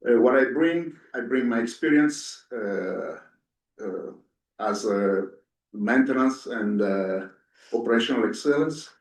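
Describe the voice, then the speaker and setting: A man's voice: mid-range voice, lively intonation, unhurried. A man born in Ethiopia and raised in Italy, a candidate giving an earnest, hesitant speech full of fillers at a community meeting. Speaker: board candidate. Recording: echoey room, voice from far off.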